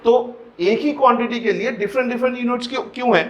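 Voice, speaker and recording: High-voiced man quizzing his class. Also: fast, a little hiss or hum. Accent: Hyderabadi Hindi. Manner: explains step by step, keeps asking the class questions; mixes Hindi with English terms. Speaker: physics teacher. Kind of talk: classroom lecture.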